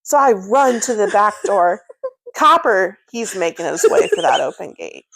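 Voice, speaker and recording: A woman's voice: moderate pace, vocal fry. A woman in her thirties co-hosting a podcast, telling a funny story casually, laughing as she talks and acting out quoted lines. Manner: animated, acts out quoted lines with big pitch jumps; frequent laughter while talking. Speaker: podcast co-host.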